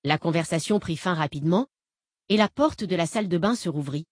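A woman narrating an audiobook in an even, measured reading voice. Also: fairly low pitch, slightly rough, no echo, clean studio sound.

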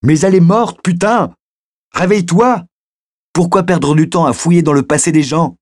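A man voicing a fierce, protective young woman friend who pleads and shouts sharply. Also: low voice, expressive, moderate pace, husky, dry recording, clean studio sound. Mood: urgent, shouting.

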